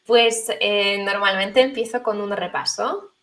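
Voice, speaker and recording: A woman's voice: medium pitch, fairly even intonation, measured pace, fairly bright tone. Thoughtful woman teacher, interview guest. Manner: thoughtful, hesitant, many fillers. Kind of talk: conversational interview.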